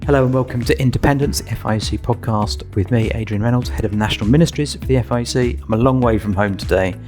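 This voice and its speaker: A man's voice: mid-range voice, fast talker, a little mellow, faint music behind. A man hosting a podcast and interviewing his guest conversationally. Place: church side hall.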